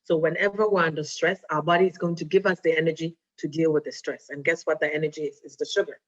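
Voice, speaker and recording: A woman's voice: sits low, fairly even intonation, quick pace. Woman as a diabetes educator, chatty and easygoing, dull lo-fi recording. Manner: conversational, often checks in with "right?"; mixes Twi phrases into English. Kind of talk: casual health talk.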